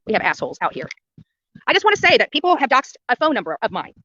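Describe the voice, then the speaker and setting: In a muffled recording with slight background noise, a woman speaks quickly, her pushed, bright voice swooping wildly in pitch from a little high. She is an independent livestream reporter with her own show, addressing viewers from a roadside in front of a house. Indignant and blunt, she repeats phrases for emphasis.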